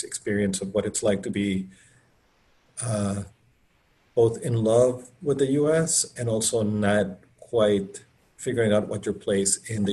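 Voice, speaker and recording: Over a video call, a middle-aged author from Colombia speaks as a guest in relaxed conversation. He is enthusiastic and rambles, filling his speech with fillers, in a warm, fairly low-pitched voice.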